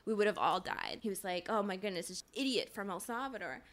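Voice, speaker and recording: Bright-voiced woman telling a chatty story. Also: mid-range voice, animated, brisk. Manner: chatty, many "like" fillers, laughs between phrases. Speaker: podcast co-host. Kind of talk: casual conversational storytelling.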